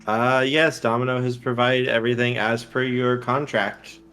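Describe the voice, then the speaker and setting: A man's voice: mid-range voice, level tone, normal speed, a bit bright, clear, resonant tone, faint music behind, close to an everyday voice. A man playing a suave, theatrical companion in a tabletop game, with an affected, coaxing manner. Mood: smooth, obliging. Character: suave theatrical companion who calls everyone darling.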